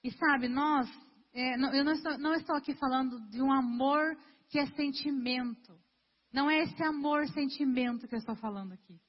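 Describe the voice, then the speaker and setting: A young woman preacher with a high voice delivers a sermon at normal speed, earnest and conversational, speaking straight to her congregation. The church hall recording is dull and lo-fi with a long reverb.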